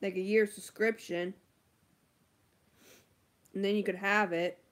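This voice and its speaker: A woman's voice: mid-range voice, steady tone, takes it slowly. A woman beauty vlogger chatting casually on a livestream, answering viewer comments with lots of ums and likes.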